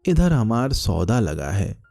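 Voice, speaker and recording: A man's voice: lowish voice, big pitch swings, takes it slowly, creaky, a little mellow, no room sound, heavily acted. A man doing a wronged hunchbacked young woman. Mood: pleading. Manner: pleading, wailing in village dialect.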